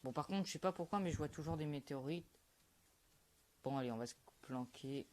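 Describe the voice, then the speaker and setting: A young gaming YouTuber from Quebec, Canada, mumbles loosely over his match in a medium-pitched, slightly mellow voice at a somewhat quick pace. His casual gameplay commentary wanders with lots of fillers and unfinished thoughts as he chats offhandedly with viewers.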